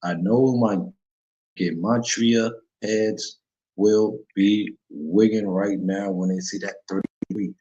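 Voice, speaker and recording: A man's voice: fairly low pitch, fairly even intonation, slow, dark tone. A man hosting a casual solo sports betting talk show, rambling in slang and often correcting himself. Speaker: sports betting podcast host. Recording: dull lo-fi recording.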